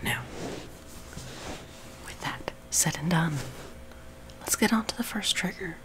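A young man speaks in a hushed ASMR whisper, right up in your ear. He rambles softly as a host, very close to a sensitive microphone. The voice is breath more than tone. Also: a little high, slow pace. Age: young adult. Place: small room at home, seated on a love seat. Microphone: sensitive high-gain close microphone.

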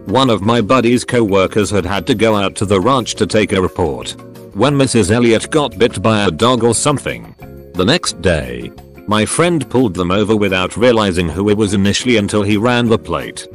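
Low-voiced man reading stories aloud. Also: animated, moderate pace. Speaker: narrator of forum posts. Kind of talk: scripted narration. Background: faint background music.

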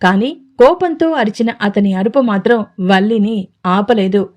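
A woman storyteller narrating a romantic audio story in a smooth, measured way. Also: mid-range voice, lively intonation, a little mellow.

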